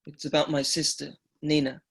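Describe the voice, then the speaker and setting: An actor playing an elderly male Holocaust survivor from Greece, speaking slowly and haltingly and repeating himself. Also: a little high, level tone, gravelly, a bit bright, breathy edge, heavily acted. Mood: wistful. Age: older. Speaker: survivor telling his story. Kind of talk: radio documentary drama.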